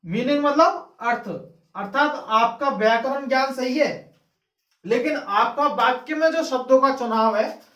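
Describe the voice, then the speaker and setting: A man with a very high, slightly bright voice lectures a class at a measured pace, posing his own question and then repeating the key word as the answer. The recording has an echoey room sound with a distant mic.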